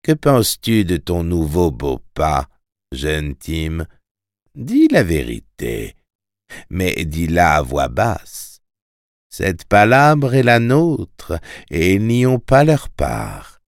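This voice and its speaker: A man voicing a sinister, mocking male tax collector in a storybook, sly and taunting with sudden loud commands. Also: fairly low pitch, sing-song, slow, no room sound, clean studio sound, full character voice. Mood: hushed, sly.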